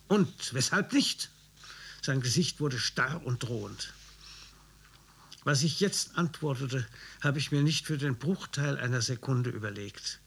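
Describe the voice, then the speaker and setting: A man narrating a first-person memoir as an audiobook, in a husky, measured, reflective voice. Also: mid-range voice.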